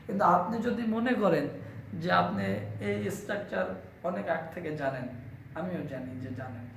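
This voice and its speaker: A man with a Bangladeshi accent giving an English grammar lesson, slowly repeating each phrase and pairing it with its meaning. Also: sits high, lively intonation, creaky, a little hiss or hum. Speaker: English teacher. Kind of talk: classroom-style grammar lesson. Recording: echoey room, voice from a distance.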